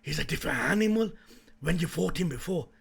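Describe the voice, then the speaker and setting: A young man with a raspy, creaky voice doing excited live reaction commentary in slangy, hyped-up bro talk that bursts into shouting. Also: on the high side, fast. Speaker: YouTube anime reaction host.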